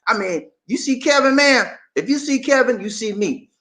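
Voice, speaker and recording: A man's voice: very high voice, animated, normal speed, a bit bright. A man from Charleston with a Southern Gullah Geechee accent, chatting casually to livestream viewers in a folksy, colloquial way and often repeating his phrases. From Charleston, South Carolina, USA. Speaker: livestream host.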